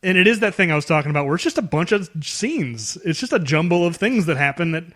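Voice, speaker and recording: A man co-hosting a podcast in casual chat, who laughs and acts out quick impressions. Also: a little high, big pitch swings, fairly bright tone. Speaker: podcast co-host. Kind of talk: casual chat about a movie.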